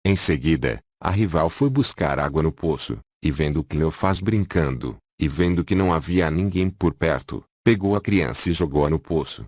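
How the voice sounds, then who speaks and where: Very deep-voiced male audiobook narrator. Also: lively intonation, moderate pace, hardly any pauses, darkish tone, no room sound, studio quality. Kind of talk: scripted narration.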